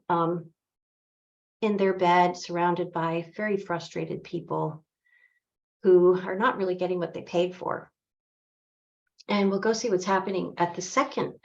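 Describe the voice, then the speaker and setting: A woman coach gently leading a guided visualization story, now and then acting out the characters' lines. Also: fairly low pitch, lo-fi sound. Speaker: coach trainer.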